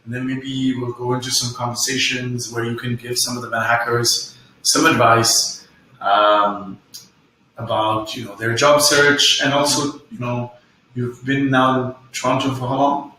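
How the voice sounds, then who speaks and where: A man's voice: medium pitch, little pitch movement, unhurried, bright, forceful tone. A man hosting a webinar, chatting in an upbeat way and reading out viewers' messages. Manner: chatty, upbeat, reads chat aloud. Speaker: webinar host. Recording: echoey room with faint noise, webinar audio.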